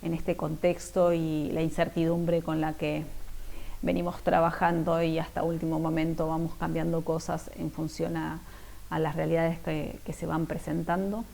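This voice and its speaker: An Argentine woman gives a conference keynote in a flat, low voice. Her tone is dark and mellow with a gravelly fry. She hesitates and restarts a lot as she talks. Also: normal speed, low-quality recording. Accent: Argentine Spanish. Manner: hesitant, many fillers and restarts. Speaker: industrial designer giving a keynote talk.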